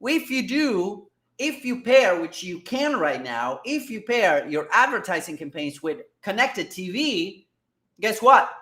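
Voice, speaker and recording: A man hosting casual business commentary on advertising, energetic and excitable, often checking in with "all right?" and "guys". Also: high-pitched, a little slow, reverberant. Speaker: marketing host.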